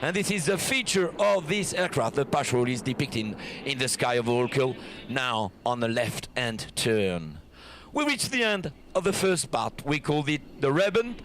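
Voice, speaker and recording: A French-accented man works as an airshow commentator, his high voice swinging widely as he explains and admires the display. His delivery is showy and explanatory, with faint ambient noise behind him. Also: a bit bright. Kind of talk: live airshow commentary over a public address, explaining formations.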